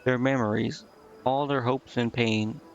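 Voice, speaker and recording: In a gravelly, medium-pitched voice, a man offers unhurried, steady-toned commentary on a video game. He thinks aloud in a rambling way and trips over words reading dialogue, all captured on a dull, lo-fi mic.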